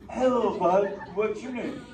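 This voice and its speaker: In a live interactive audience show, this man's voice sits high and sounds unhurried and a little mellow as he plays a chill, slang-heavy surfer-dude sea turtle chatting playfully with the crowd. He's a character performer, and the audio comes from a distance in a reverberant theater, with plenty of noise.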